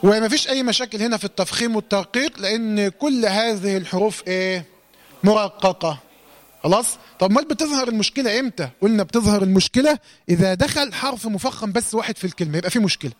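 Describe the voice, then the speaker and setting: A man with an Egyptian Arabic accent teaching a Quran recitation lesson in colloquial speech. He keeps asking questions and answering them himself, and he recites the examples slowly. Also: high voice, no room sound.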